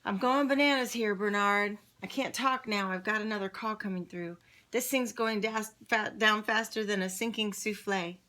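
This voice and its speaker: A woman's voice: lowish voice, steady tone, moderate pace, gravelly, few pauses, bright, forceful tone. A woman voicing a harried middle-aged father who complains about his son and his busy phone calls. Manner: flustered and complaining.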